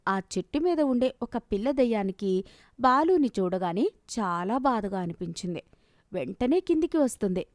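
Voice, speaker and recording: A woman narrating a storybook cartoon in a calm, steady storytelling manner. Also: mid-range voice, moderate pace, no room sound, studio quality.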